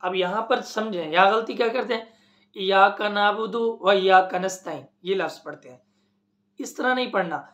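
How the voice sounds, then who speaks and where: A man teaching Quran recitation, explaining patiently and chanting drawn-out melodic examples. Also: high voice, a bit bright. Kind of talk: religious lesson with chanted recitation.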